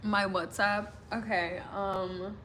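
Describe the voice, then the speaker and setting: A woman's voice: mid-range voice, fairly even intonation, takes it slowly, a bit bright, a little hiss or hum. A young woman from Illinois in the US Midwest, hosting a casual livestream, chatting with viewers, giggling often and saying "like" a lot. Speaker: livestream host. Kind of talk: casual livestream chat reading comments.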